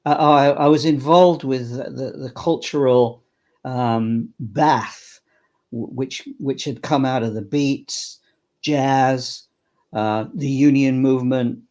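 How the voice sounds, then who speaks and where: A man's voice: mid-range voice, steady tone, slow, darkish tone. An older man, a clown performer, reminiscing in an interview in a rambling way, with many halts and restarts.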